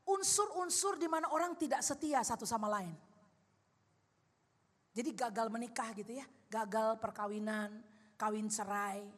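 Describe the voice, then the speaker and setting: A woman pastor, preaching a sermon loudly and with animation, adding playful asides. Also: high-pitched. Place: large church hall. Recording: long hall reverb.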